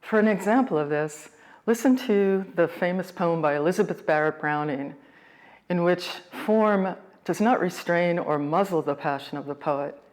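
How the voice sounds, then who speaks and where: Measured woman lecturing on poetry. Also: lowish voice, a little mellow. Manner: measured, deliberate, reflective. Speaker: poet and series host.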